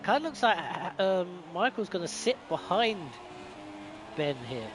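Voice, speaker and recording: A man co-commentating an online racing league, relaxed and analytical, his voice often trailing off quietly. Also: high voice, normal speed. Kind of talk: live race commentary. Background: racing game engine noise.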